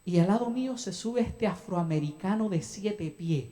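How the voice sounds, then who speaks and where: A man's voice: high voice, animated, moderate pace, warm tone. A young man from El Salvador preaching a sermon as a pastor in a church, talking to the congregation with questions and acted-out asides. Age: young adult. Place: church sanctuary.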